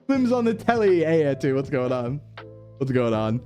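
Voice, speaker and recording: A man's voice: medium pitch, sing-song, normal speed, warm tone, faint music behind. A male VTuber chatting casually with his stream viewers, playful and jokey, heard through livestream headset mic audio. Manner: playful, jokey, laughing often.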